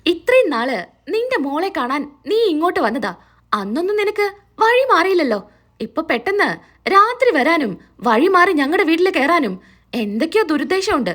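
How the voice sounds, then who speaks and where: A woman's voice: very high-pitched, very animated, moderate pace, a bit bright, exaggerated voice. A woman reading the lines of a stubborn, angry man who accuses a visitor and threatens to call the police. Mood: accusing. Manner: accusing, harsh.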